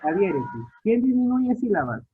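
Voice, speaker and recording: A man with a high, slightly husky voice teaches an online literature class. He keeps asking his students questions and repeats each key point. The sound is thin and narrow, like a phone line. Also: sing-song, moderate pace. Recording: tinny phone-like audio line.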